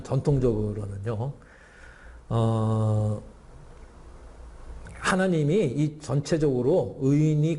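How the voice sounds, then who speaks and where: Animated man lecturing in dark tones. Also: medium pitch. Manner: animated, acts out divine speech in blunt casual Korean; frequent restarts and repeated words. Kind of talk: Bible lecture.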